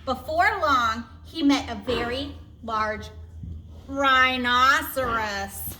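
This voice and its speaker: A woman teacher reads picture books and chapter books aloud, with expressive phrasing and chatty asides. Her voice is high and bright and unhurried. The recording has a roomy echo. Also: a little hiss or hum. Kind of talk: storybook read-aloud.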